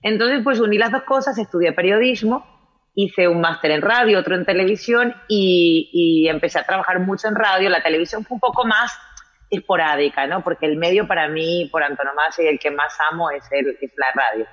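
A woman from Spain with a Spanish accent, a writer and journalist chatting as a guest in an interview, animated and telling stories with frequent tag questions. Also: fairly low pitch, fairly quick, dull audio. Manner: warm, animated storyteller with frequent "¿no?". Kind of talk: casual interview chat.

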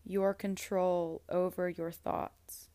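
Very slow, low-voiced meditation guide woman. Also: level tone, smooth, no echo. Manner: slow, soft, soothing delivery with long pauses.

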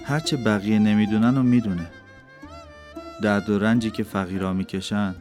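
A man reading a novel aloud as an audiobook, telling the story in an intimate, measured first-person way. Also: lowish voice. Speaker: audiobook reader. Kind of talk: scripted narration of a novel. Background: soft instrumental music.

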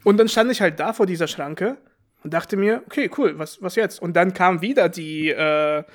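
A man's voice: high-pitched, moderate pace. A young man co-hosting a podcast, chatting casually and telling wry anecdotes, often laughing. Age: young adult. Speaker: podcast co-host. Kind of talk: casual chat.

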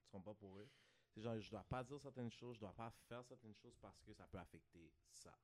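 A man with a Quebec French accent guests on a podcast, chatting casually and sprinkling English slang into his French while often asking "tu comprends?". He's a content creator, and his voice sits on the low side, with a darkish tone and a slightly fast pace.

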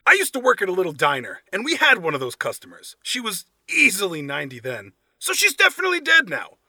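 A man's voice: sits high, huge pitch swings, fast, bright, forceful tone, no echo. A man hosting a podcast, giving sarcastic, profane comedic commentary while reading reviews aloud. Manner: sarcastic, swears freely. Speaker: podcast host.

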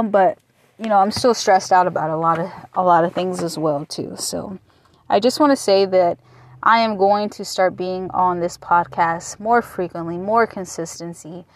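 Recorded dry, this medium-pitched woman is a late-twenties podcast host from Michigan, USA. She waits at a taco shop and chats openly, a bit meanderingly, in a casual personal monologue with some cursing.

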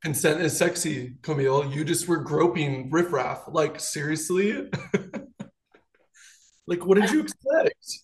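A man's voice: a little high, expressive, a little slow. A man as a podcast guest in casual chat, teasing and laughing often, with lots of "like.".

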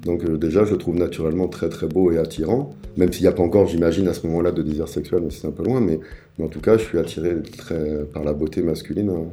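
A man in his forties from the Paris suburbs, telling his life story as an interview guest, halting often with fillers and restarts. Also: deep voice, steady tone, dark tone, a little hiss or hum. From Paris suburbs, France. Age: 40s. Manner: hesitant, many fillers and restarts.

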